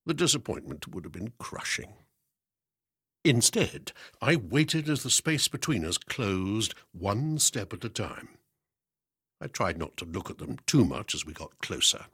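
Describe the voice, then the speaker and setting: A man reading a humorous first-person story aloud for hospital radio, with lively, expressive delivery and dry humour. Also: on the low side, measured pace, breathy edge, dry recording. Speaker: reader.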